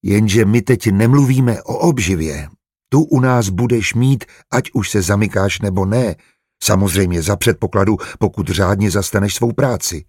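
A man voicing a kind, patient middle-aged doctor who speaks calmly and measuredly in an audiobook. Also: lowish voice, slightly rough, no room sound, studio quality. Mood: firm. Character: kind, gentle middle-aged male physician.

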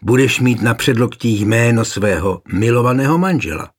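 A man reading a historical novel aloud voices a calm, mocking young nobleman taking revenge on his wife. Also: medium pitch, slightly rough, natural voice.

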